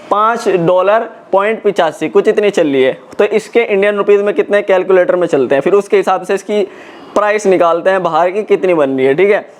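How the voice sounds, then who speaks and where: High-voiced man explaining casually. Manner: chatty, repeats fillers and checks in with the viewer. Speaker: crypto tutorial YouTuber. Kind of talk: casual screen-walkthrough explanation.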